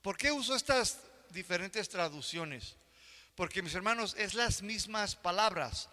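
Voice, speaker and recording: Older guy pastor preaching, keeps asking the flock if they follow, slow and high, echoey church. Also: expressive, pushed and bright. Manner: asks the congregation for agreement. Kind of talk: sermon.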